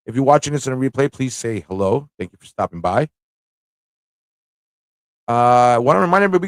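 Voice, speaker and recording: This is a casual livestream host, a man with a mid-range voice on a dry recording, chatting and commenting in a loose, rambling manner. He talks off the cuff, thinks out loud and says things more than once.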